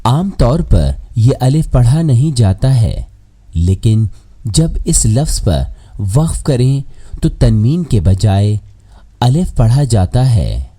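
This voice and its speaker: A man teaching Quran pronunciation rules in a measured, scripted lesson. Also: mid-range voice, sing-song, mellow, husky.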